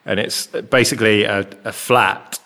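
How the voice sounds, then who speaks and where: A man with an English accent talks in a loose, rambling way, full of fillers. His voice is fairly low and bounces around a big, bare hall with a concrete floor, so every line carries a roomy echo. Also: steady tone, a little slow, bright, forceful tone. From England. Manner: rambling and chatty, with many fillers. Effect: big hall echo from an enormous, bare room. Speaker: podcast co-host. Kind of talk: casual chat. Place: large open flat with a concrete floor.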